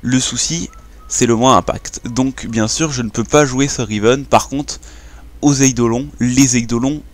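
A man's voice: mid-range voice, fairly even intonation, a little slow. A young man casually talking through a game tutorial, hesitating and restarting often. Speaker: gaming YouTuber.

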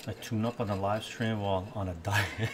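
Dishes and cutlery clatter loudly as an older man live-streams himself cooking in his home kitchen, reading comments and chatting in a relaxed manner. His pitch is fairly low and his speed normal, recorded by a camera set at a distance amid heavy background noise.

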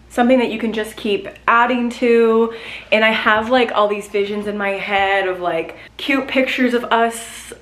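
Chatty young woman vlogging at home. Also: fairly high pitch. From Virginia, US. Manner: chatty, rambling, lots of "like". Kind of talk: casual chatty vlog. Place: small bedroom at home, indoors. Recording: roomy, slightly distant home recording.

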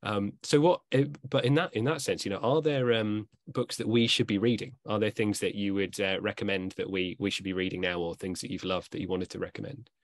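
A man's voice: on the low side, fairly even intonation, brisk, few pauses, dry recording, clean studio sound. A man in his thirties, a bookseller hosting an author talk, asking questions hesitantly with many restarts on a video call from home. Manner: hesitant, full of restarts and fillers. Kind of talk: casual video-call interview.

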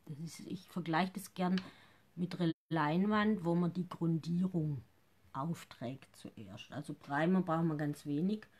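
Her low, slightly mellow voice keeps a measured pace as she hosts an informal live makeup tutorial in her living room. The woman, in her fifties and selling makeup, chats nervously and tends to trail off into mumbles, heard through a webcam set at desk distance.

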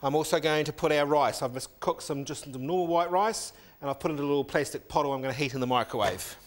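Speaking a bit quickly and on the high side, a middle-aged man works through a recipe step by step in a teaching kitchen. He's a cooking show chef on a lapel mic, and there's slight background noise.

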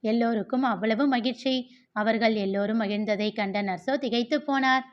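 A woman narrating a novel as an audiobook in an even, steady storytelling manner. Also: fairly high pitch, moderate pace. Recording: dull lo-fi recording.

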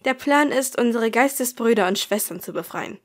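Woman doing a loud, breathless teenage girl. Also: on the high side, moderate pace. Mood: eager. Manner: loud and eager. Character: excited breathless teenage girl, bossy and cheerful.

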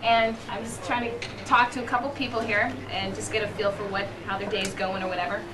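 A young woman interviews people for a company video at an outdoor baseball stadium and dugout, holding a handheld mic. Her medium-pitched voice stays fairly flat and moves quickly as she asks friendly, giggly, encouraging questions. The casual on-camera chat is captured as distant, noisy camcorder audio.

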